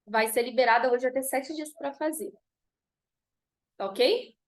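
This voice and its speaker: A woman teaching an online grammar lesson, spelling out rules and reading example words one by one. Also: high-pitched. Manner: slow, deliberate dictation of rules and example words.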